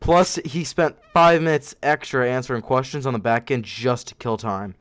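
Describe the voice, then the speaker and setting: A young man co-hosting a casual podcast who tells long stories in an animated way, with lots of "like" and "uh". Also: mid-range voice, moderate pace, dry recording. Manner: animated storyteller, frequent fillers. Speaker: podcast co-host.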